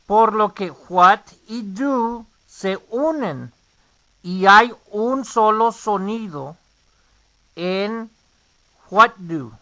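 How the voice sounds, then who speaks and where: A man's voice: sits high, pushed and bright. A man teaching an English pronunciation lesson, repeating each phrase for learners to copy.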